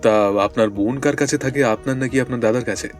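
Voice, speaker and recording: An actor playing a sharp detective who questions a client with measured, probing questions, with faint music behind. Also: male voice, mid-range voice, close to an everyday voice. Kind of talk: Bengali audio drama acting.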